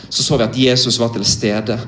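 A man's voice: mid-range voice, little pitch movement, fairly bright tone, roomy sound, slight background noise. A young man from Norway preaching, telling a vivid, earnest story in a direct way. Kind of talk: sermon testimony.

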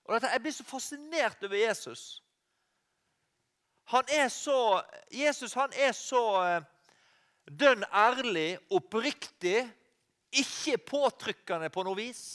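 A Norwegian man preaching a sermon in a high, lively voice that swoops up and down. He talks to the congregation directly, breaks off to fix his own words, and climbs to loud cries at the peaks. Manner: animated preaching, rising to loud cries, with restarts and self-corrections.

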